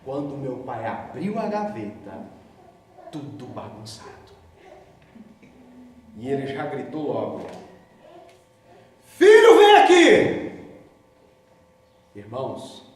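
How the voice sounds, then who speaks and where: A man preaching a sermon, telling a story and acting out the voices, swinging from hushed to loud. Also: medium pitch, expressive, a little slow, long pauses, a little hiss or hum. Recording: echoey hall, voice from far off.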